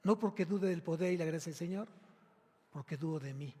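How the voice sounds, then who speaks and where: A man's voice: on the high side, a little fast, husky, big-room sound. A male pastor with a Mexican Spanish accent preaching an emphatic sermon, questioning his congregation directly. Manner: emphatic preaching, rising to loud exclamations. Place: church sanctuary.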